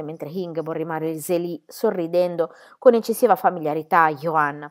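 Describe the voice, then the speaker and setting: A woman reading a novel aloud in a calm, measured narration. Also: lowish voice. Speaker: audiobook reader. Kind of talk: literary audiobook narration.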